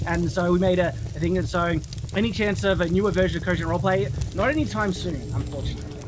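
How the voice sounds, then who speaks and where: A man with a high, light voice hosts a relaxed live stream and laughs often between viewer messages. Faint clicking sits in the background. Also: quick pace, background noise. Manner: laughs often, reads super chats aloud. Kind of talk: casual live stream chat.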